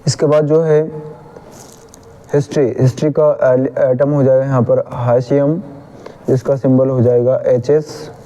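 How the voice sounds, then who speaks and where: Dark-voiced man teaching chemistry. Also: mid-range voice, little pitch movement, low-quality recording. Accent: Hindi. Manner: slow, repetitive, corrects own slips. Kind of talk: explaining a memory trick.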